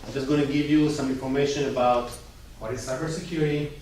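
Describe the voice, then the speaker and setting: Speaking fast in a mellow, mid-range voice with fairly even intonation, an Israeli-accented guest speaker jokes his way through an informal presentation at a coworking space, tossing in brief asides. The echoey room, distant mic, and slight background noise are audible.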